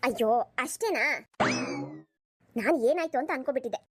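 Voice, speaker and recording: Woman doing a brisk cartoon mother-in-law, lower than her other voices, dismissive, fast. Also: lively intonation, husky, no room sound. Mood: scolding. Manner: scolding, dismissive. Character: indulgent middle-aged mother-in-law. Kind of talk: cartoon voice acting.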